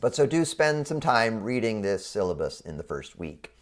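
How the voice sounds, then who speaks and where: A man with a congested, frog-in-the-throat voice, under the weather, explaining an online course as a college professor in an informal, halting way. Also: lowish voice, sing-song. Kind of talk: explanatory screen-share walkthrough for online students.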